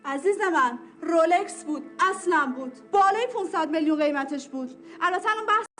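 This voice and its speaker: A woman's voice: extremely high pitch, expressive, a bit bright. An actress playing an agitated woman hosting friends, indignant and quarrelsome after her watch goes missing. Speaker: hostess whose watch went missing. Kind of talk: film drama dialogue.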